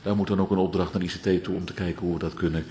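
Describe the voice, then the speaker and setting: A man's voice: sits low, steady tone, rapid-fire, dark tone. A man in the role of alderman, answering council members in a formal debate and addressing them at length. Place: council chamber.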